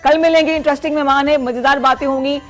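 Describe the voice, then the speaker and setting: A woman's voice: high voice, fairly even intonation, quick pace, soft background music. A woman with a Pakistani Urdu accent hosting a live morning TV show, chatting with guests and callers and mixing in English phrases. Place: TV studio.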